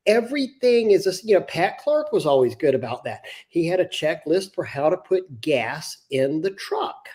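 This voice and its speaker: A man's voice: fairly high pitch, very animated, normal speed, darkish tone. A man hosting a casual podcast chat, explaining points with rhetorical questions. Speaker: host.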